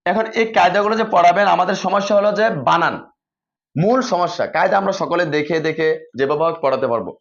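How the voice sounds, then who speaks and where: On a dull lo-fi recording, a fast-talking man with a high voice and vocal fry explains to teachers how to drill children in reading. He is methodical, repeating set spelling patterns throughout the lesson.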